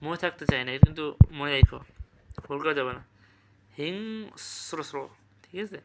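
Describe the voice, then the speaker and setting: A man teaching an exam revision class, repeating each word slowly and checking with quick questions. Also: on the high side, background noise.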